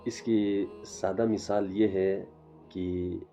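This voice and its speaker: Deep flat-voiced man giving a halting religious talk. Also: soft background music. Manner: halting, with frequent fillers and restarts. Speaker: self-taught religious lecturer. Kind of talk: informal religious lecture vlog.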